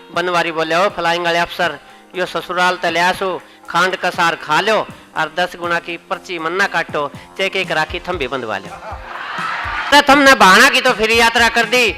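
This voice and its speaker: A man's voice: sits high, pushed and bright, rough recording. A man with a Haryanvi accent reciting comic poems on stage, playfully repeating his punchlines for the audience. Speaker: comic poet. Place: stage at a poetry gathering.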